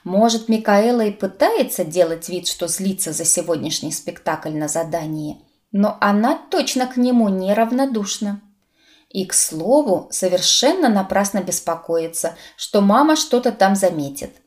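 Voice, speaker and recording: A woman narrating an audiobook in a lively, expressive reading. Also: mid-range voice, normal speed.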